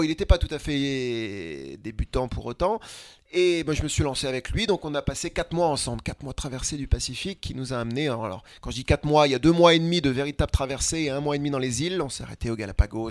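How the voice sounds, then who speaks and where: A man telling his travel story in a casual, lively interview, running through lists of places. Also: mid-range voice, quick pace, no echo, clean studio sound. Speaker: guest, traveler and speaker. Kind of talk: conversational storytelling.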